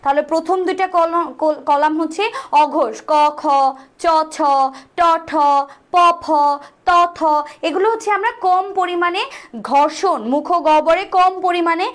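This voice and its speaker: A woman tutor leading a live online exam-prep class, repeating each question and answer several times and slowly sounding out letters to demonstrate. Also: extremely high pitch. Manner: urges viewers to answer quickly. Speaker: admission test tutor.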